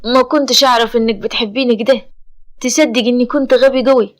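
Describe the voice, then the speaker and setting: Brief: a woman reading as a stern Egyptian man, loud and commanding, high light voice. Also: steady tone, quick pace, natural voice. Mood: tender. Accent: Egyptian Arabic. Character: stern powerful man, quick-tempered but loving husband.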